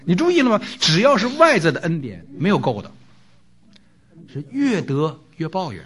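A man preaching a sermon, telling a story with animated delivery, frequent rhetorical questions and filler words. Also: on the high side, normal speed. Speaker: pastor.

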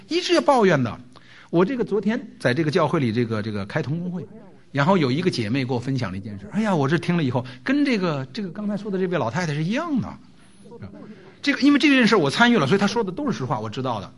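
A man preaching a sermon, telling a story with animated delivery, frequent rhetorical questions and filler words. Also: fairly high pitch. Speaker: pastor.

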